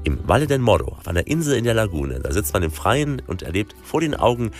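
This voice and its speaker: A man's voice: on the low side, sing-song, fast talker, faint music behind. A man hosting a radio travel program, giving a scripted narration with a playful, storytelling delivery. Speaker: radio host.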